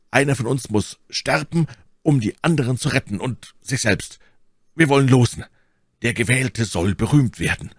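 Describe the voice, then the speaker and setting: A man voicing a calm, scheming young male painter who explains his plan earnestly and persuasively. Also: on the low side, slightly rough, no echo, clean studio sound.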